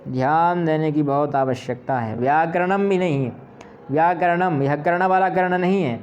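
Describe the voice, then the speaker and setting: A man teaching pronunciation who repeats words slowly and patiently, often asking questions and answering them himself. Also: a little high, a little mellow, highs cut off, slight background noise. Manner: asks and answers his own questions. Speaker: Sanskrit teacher. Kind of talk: pronunciation lesson.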